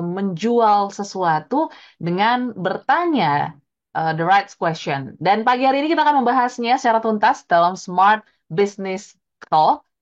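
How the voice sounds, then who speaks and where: A woman hosts a business radio show, upbeat and mixing in English phrases. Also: mid-range voice. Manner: upbeat, mixes English phrases, frequent "gitu ya". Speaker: radio host. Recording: dull lo-fi radio broadcast.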